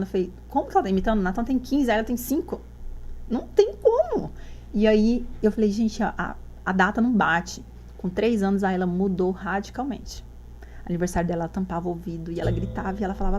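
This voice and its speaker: A woman's voice: mid-range voice, a little mellow. A woman, a mother guest on a podcast, telling her story in casual chat and acting out the dialogue she quotes.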